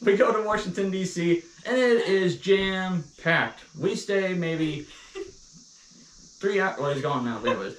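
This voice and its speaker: A man's voice: high voice, a little slow. An American man chatting casually and telling stories with comic, exasperated grumbling. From Missouri, United States. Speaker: co-host of a couple's live chat. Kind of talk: casual chat storytelling. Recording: roomy, distant mic, faint noise.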